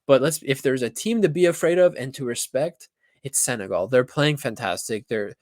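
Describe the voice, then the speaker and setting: A young man in casual, excited talk about a football match, acting out his reactions and swearing freely. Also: medium pitch, moderate pace, no echo, clean studio sound. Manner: animated, swears, acts out reactions.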